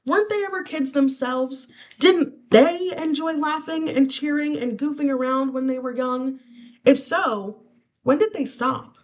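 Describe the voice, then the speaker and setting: A woman reading a children's book aloud in a playful, animated way. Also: high-pitched, a little slow. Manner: lively, playful, wide-ranging delivery. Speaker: storyteller.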